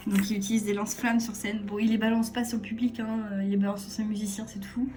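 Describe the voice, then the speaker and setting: A woman's voice: medium pitch, flat delivery, fast talker, slight background noise. A young woman chatting casually to camera at home as a vlogger, giggly and self-deprecating. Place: at home, at a table. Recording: faint music underneath. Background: soft background music.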